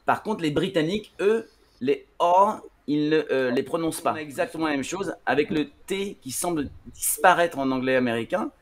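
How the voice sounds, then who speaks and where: A man's voice: a little high, animated, moderate pace. A French-speaking man explaining English pronunciation in a casual studio chat, hesitant with many restarts. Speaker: English language guest explaining accents. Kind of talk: casual radio-style explanation.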